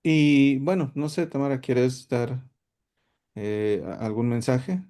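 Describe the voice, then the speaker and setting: A solutions architect hosts an online tech workshop as a webinar presentation, speaking hesitantly with many fillers and restarts. His voice is medium-pitched and mellow, fairly even in intonation, and he takes it slowly.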